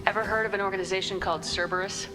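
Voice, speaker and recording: A woman's voice: mid-range voice, steady tone, very fast, music in the background, close to an everyday voice, low-quality recording. A woman playing a resolute military commander in a video game, direct, assured and businesslike. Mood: firm, businesslike.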